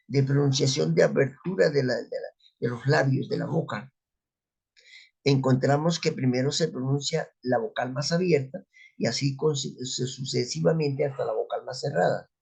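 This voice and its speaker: A man's voice: mid-range voice, normal speed, vocal fry, a little mellow, husky. A man giving an unscripted Bible teaching, asking rhetorical questions and answering them himself. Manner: spoken, unscripted, with restarts. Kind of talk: religious teaching talk.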